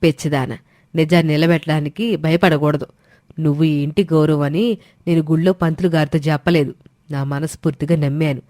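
A woman's voice: low-pitched, steady tone, a little fast, mellow, no room sound, clean studio sound. Firm, lecturing mother-in-law, as a woman tells it. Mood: warm. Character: firm, proud middle-aged mother-in-law, fair-minded. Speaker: narrator and lead figure.

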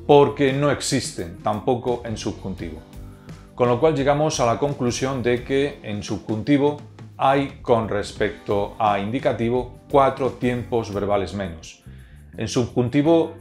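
A man gives a scripted grammar lesson, spelling out each verb form slowly and carefully. His pitch sits in an ordinary middle range. Faint guitar music plays softly beneath his voice. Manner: slow, deliberate recitation of verb forms. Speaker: teacher.

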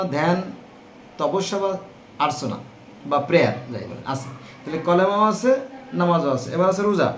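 A man's voice: sits high, echoey room, slight background noise. A man giving an informal religious talk to viewers, explaining term by term and asking rhetorical questions. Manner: explanatory, lists terms, asks rhetorical "right?". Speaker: religious speaker.

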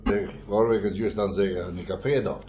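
An older man with a lowish voice tells long, rambling stories in an oral history interview. He keeps adding little tag questions and soft chuckles. The recording is muffled, with a faint hiss underneath. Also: fairly even intonation, fast. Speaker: former miner interviewee.

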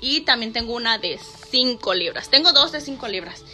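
A fitness vlogger in her thirties with a Mexican Spanish accent chats casually and upbeat to a close-up phone camera in a small bedroom, offering motivating talk. Her slightly high voice is expressive, brisk, bright and forceful, with faint music behind her.

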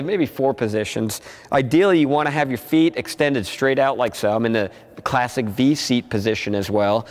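A man's voice: mid-range voice, big-room sound. A man, a doctor, giving a casual, upbeat demonstration of a core exercise and talking while he does it.

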